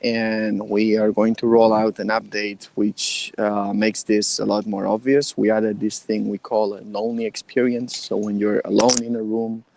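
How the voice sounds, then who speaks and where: Guy on a video call giving a team update, lowish voice, kinda hesitant, faint hiss behind. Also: flat delivery, creaky, a little mellow. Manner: measured, with many ums and uhs. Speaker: mobile developer on the team.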